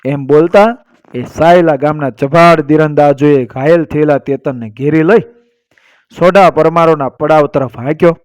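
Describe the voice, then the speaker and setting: Expressive male folk-tale storyteller. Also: a little high, moderate pace, clean tone, no room sound. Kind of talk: dramatic folk-tale narration.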